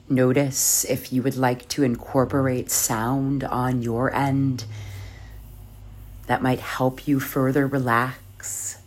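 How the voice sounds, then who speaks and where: A yoga nidra guide with a mid-pitched voice speaks very slowly and softly. The delivery is soothing and measured, leaving long pauses between short phrases. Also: flat delivery. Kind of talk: guided meditation.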